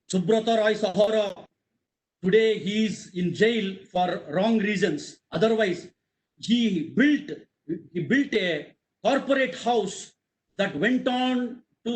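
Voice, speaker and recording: Emphatic, high-voiced Indian man speaker. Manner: emotional, emphatic, repeats phrases. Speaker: webinar speaker. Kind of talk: motivational talk.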